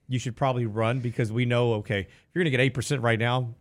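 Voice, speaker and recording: A man's voice: medium pitch, fairly even intonation, fast. A man co-hosting a casual financial talk show as a financial advisor, chiming in matter-of-factly.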